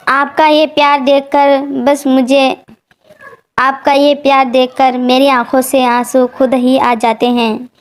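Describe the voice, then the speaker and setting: A woman's voice: sits high, little pitch movement, slow, clear, resonant tone. A woman voicing an earnest, emotional young bride in a storybook tale. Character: young, tearful new bride.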